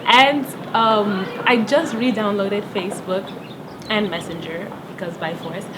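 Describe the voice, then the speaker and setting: Reflective young woman, noisy recording. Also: medium pitch. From New York and Nigeria. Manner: hesitant, self-correcting, reflective. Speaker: interviewee, university student. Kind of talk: documentary interview answers. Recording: loud background noise.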